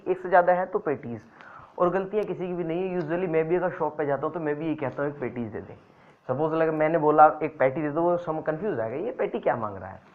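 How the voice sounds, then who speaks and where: A man's voice: high-pitched, narrow, tinny audio. A man teaching a classroom lesson, patiently explaining and repeating examples. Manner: explains patiently, repeating examples, mixing English phrases into Hindi. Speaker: English teacher.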